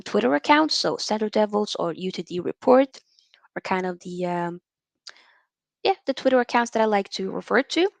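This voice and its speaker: A woman's voice: medium pitch, creaky, no echo. A young woman from Norway hosting a casual football livestream, chatting with viewers and reading out their comments. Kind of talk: casual live-stream chat with viewers.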